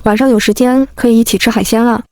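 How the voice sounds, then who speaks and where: A woman's voice: a little high, fairly even intonation, fast talker, a little mellow, no echo, lightly acted. A woman voicing a friendly, easygoing young male singer, light and polite, in an audiobook reading. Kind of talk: audiobook narration.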